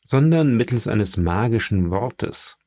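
A man's voice: on the low side, lively intonation, takes it slowly, a little mellow, no room sound, studio quality, full character voice. A man voicing a grown sailor who answers respectfully and evasively. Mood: confiding. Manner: respectful, addresses his listener formally. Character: adult male sailor, guarded and evasive.

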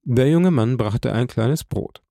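Man narrating an audiobook, gravelly dark voice, dry close sound. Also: medium pitch, expressive, slow, no room sound.

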